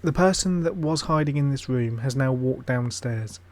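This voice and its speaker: A man's voice: mid-range voice, normal speed. Skeptical man commenting casually. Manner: skeptical, blunt, swears casually. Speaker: streamer reacting to a ghost-hunting show. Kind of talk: casual live-stream commentary.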